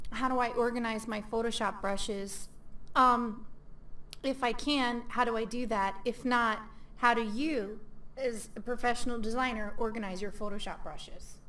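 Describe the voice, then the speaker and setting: A woman hosts a screen-recorded software tutorial in a casual way, full of ums and self-corrections. She is losing her voice, so her fairly high-pitched voice sounds a little hoarse, and there is a slight hiss or hum in the recording.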